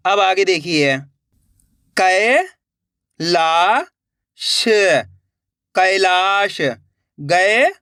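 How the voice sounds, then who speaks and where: Slow, crisp-voiced male reading teacher. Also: high-pitched, pushed and bright, no room sound, studio quality. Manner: patient, sounds out each letter then blends the word; addresses viewers as friends, gives instructions. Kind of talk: slow syllable-by-syllable reading lesson.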